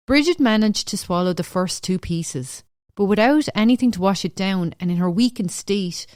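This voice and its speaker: A woman narrates a historical crime in a measured, solemn way. Her voice sits low and the recording is dry and close, with no room echo. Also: a little mellow. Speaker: podcast narrator. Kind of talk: scripted true-crime narration.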